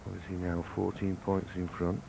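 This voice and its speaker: A man with a fairly low voice commentates live on snooker. His delivery is understated and measured, with a gravelly creak, over faint broadcast noise. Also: monotone.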